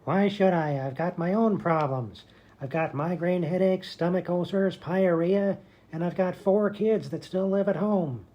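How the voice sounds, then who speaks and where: In a comedy radio sketch, a woman plays a crabby, self-pitying old man grumbling in a hospital, blunt and dismissive. Her fairly low, dark voice is unhurried and grumpy, and the audio is dull and muffled.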